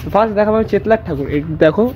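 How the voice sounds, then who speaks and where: A young man with a Kolkata Bengali accent, chatting rapidly as he walks a friend through a museum for his vlog. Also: high-pitched, darkish tone. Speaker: vlogger. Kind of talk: casual walking vlog. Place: museum grounds in Kolkata, walking. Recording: dull lo-fi with music underneath.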